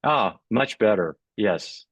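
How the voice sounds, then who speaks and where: A man's voice: on the low side, lively intonation, slow pace, a bit bright, slightly rough, no echo. A man hosting an artist talk over a video call, chatting casually with many filler words and frequent laughter. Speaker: host and moderator of an artist talk. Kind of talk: casual presenting.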